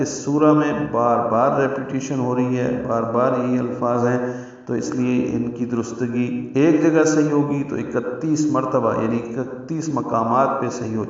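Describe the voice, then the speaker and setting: A man teaches the fine points of Quran recitation, carefully sounding out and repeating each syllable. His voice is mid-pitched and sits back from the mic. It rings in a heavily echoing room with a dull, muffled sound. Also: steady tone. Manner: demonstrates syllables slowly and repeats them. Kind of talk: tajweed lesson, explaining pronunciation rules. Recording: very echoey, distant and dull.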